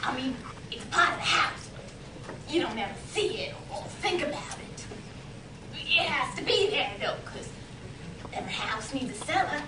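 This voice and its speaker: A woman acts an elderly character in a stage monologue, a reluctant, embarrassed lady recalling her youth who is halting, blunt and easily flustered. Her high voice is sing-song, wary and explanatory. The camera sits at the back of an echoey performance room, so she sounds distant amid noisy audio.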